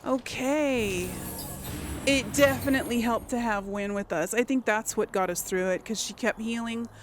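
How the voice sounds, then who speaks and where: Speaking at a moderate pace in a slightly high voice, this let's play host informally talks herself through each move while she plays. Video game music runs in the background.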